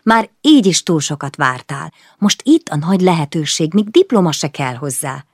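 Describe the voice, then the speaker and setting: A woman's voice: sits low, very animated, breathy edge, no room sound, clean studio sound, exaggerated voice. A woman reading aloud and voicing a theatrical, teasing grown man who coaxes and mocks a friend. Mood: mocking. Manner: flamboyant, mocking, coaxing.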